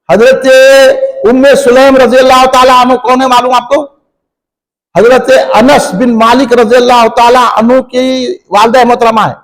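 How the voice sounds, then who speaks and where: A man preaching, his voice pitched very high for a man. He delivers an impassioned sermon, firing questions at the crowd and climbing into shouts. It sounds like a religious gathering in a function hall. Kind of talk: fiery sermon.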